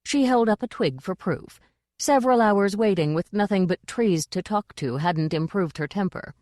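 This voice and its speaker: A woman narrating an audiobook in a measured, dry reading style. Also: mid-range voice, darkish tone, no room sound. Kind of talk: scripted narration.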